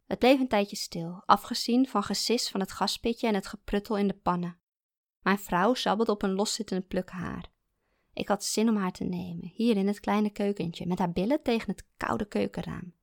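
A woman reads a first-person story aloud in a calm, measured voice. There's a gravelly fry in her tone. The recording is close and very dry. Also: mid-range voice, no room sound. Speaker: narrator.

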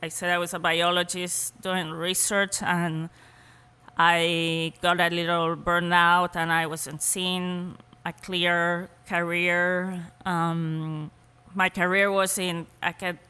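A woman with a Spanish accent talks slowly and thoughtfully as an interview guest, laughing easily between points. Her voice is low-pitched yet bright and very clear. The room carries a long reverberant tail. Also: little pitch movement. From Spain. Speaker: cheesemaker guest. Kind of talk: casual interview conversation.

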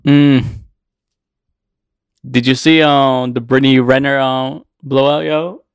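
A man co-hosting a podcast, talking casually and haltingly with many "um"s. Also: mid-range voice, level tone, clear, resonant tone, dry recording, highs cut off. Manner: hesitant, stumbling, lots of "um". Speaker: podcast co-host. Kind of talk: casual chat.

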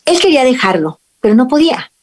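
A woman's voice: high voice, big pitch swings, quick pace. A middle-aged woman with a Mexican accent who hosts a radio talk on parenting and faith and speaks earnestly and emphatically to her listeners. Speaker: radio host.

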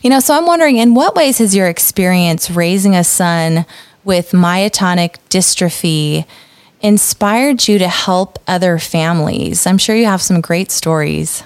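A woman's voice: lowish voice, measured pace, dry recording. A woman interviewing a guest, asking questions in an affirming, supportive way. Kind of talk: conversational interview.

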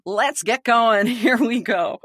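A woman's voice: fairly high pitch, takes it slowly. A woman co-hosting a podcast, chatting casually and laughing often as she tells stories. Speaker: podcast co-host. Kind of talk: casual chat.

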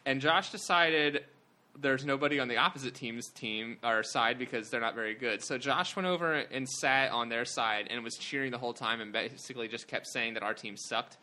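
Young male co-host, bright voice, chatty storyteller, quick to laugh. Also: mid-range voice. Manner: laughing often, rambling with restarts. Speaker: podcast co-host. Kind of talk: casual chat, storytelling.

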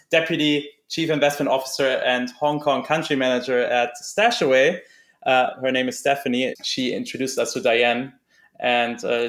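A man's voice: medium pitch, a bit bright. A man hosting a personal finance podcast, interviewing a guest with frequent ums and uhs. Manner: hesitant, many fillers. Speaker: podcast host.

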